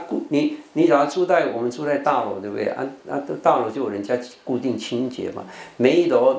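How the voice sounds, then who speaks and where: A man's voice: medium pitch, creaky, darkish tone. An older man, a Buddhist monk from Taiwan with a Taiwanese Mandarin accent, teaching English words and leading call-and-response drills, sometimes slipping into Taiwanese Hokkien. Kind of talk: televised vocabulary lesson. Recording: roomy hall with faint background noise.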